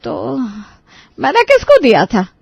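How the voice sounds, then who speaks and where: A woman's voice: high-pitched, huge pitch swings, measured pace, creaky, dry recording, full character voice. A woman voicing a fussy, dramatic middle-aged mother of the groom in a cartoon story. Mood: fretful. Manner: dramatic, complaining.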